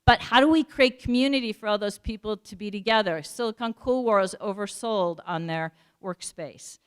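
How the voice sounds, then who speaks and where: A woman giving a community talk, earnest and searching for words with fillers and pauses. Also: medium pitch, smooth. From United States. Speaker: panel speaker.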